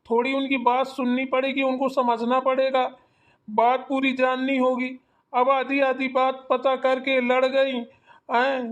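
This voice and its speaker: A performer voicing a grown son in a Hindi cartoon, who reasons with his mother in an earnest, persuasive way. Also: high-pitched.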